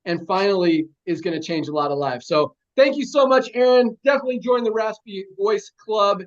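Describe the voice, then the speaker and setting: High-pitched guy hosting a company call, super hyped rally talk, muffled lo-fi sound. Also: fairly quick. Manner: hyped, chanting rallying cries. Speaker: host of a company sales call. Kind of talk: motivational rally speech.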